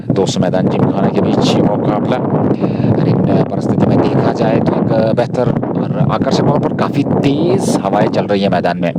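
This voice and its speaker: A man's voice: fairly low pitch, heavy background noise. A man giving live ball-by-ball cricket commentary in a flowing, wordy style, reciting scores as he goes. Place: outdoor cricket ground.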